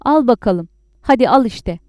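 A woman voicing a sulky, childish peasant husband who shouts back defensively and whines. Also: mid-range voice, steady tone, moderate pace, no room sound, studio quality, close to an everyday voice. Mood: petulant.

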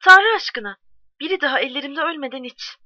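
A protective older mother, voiced by a woman storyteller, urges and insists in a pressing voice. The voice is fairly high and the recording is muffled and dry. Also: lively intonation, fast talker, bright, forceful tone, no room sound, full character voice. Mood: insistent. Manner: urgent, pressing.

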